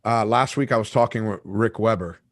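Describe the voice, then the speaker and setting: A man's voice: on the low side, fairly quick, no echo. A man in his late forties hosting a fishing talk show, chatting casually and joking, acting out quotes in his stories. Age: 40s. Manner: animated joking storyteller with acted-out quotes. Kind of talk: casual live-stream chat.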